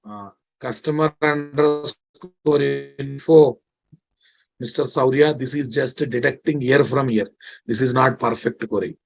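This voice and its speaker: Man, Telugu Indian accent, programming instructor, informal lecture, repetitive phrasing, frequent check-ins with students, mid-pitched voice. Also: a little slow, vocal fry, rough recording. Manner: repeats phrases, checks in with listeners.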